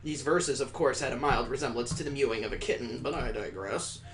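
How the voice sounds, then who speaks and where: Mid-range and a bit bright, this male voice moves along fairly quickly. He's hosting a visual novel playthrough, reading the game text aloud as over-the-top, mock-heroic storybook narration while music plays underneath.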